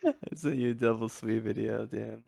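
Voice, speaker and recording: Gravelly young man chatting casually. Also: lowish voice, normal speed, dark tone, dry recording, studio quality. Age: young adult. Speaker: podcast co-host. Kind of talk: casual podcast chat.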